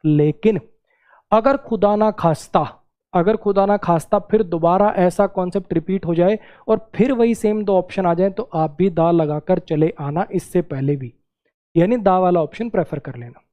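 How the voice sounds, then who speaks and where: A man teaching English grammar to exam students, explaining step by step, repeating words slowly and asking the class questions. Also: high voice, muffled recording.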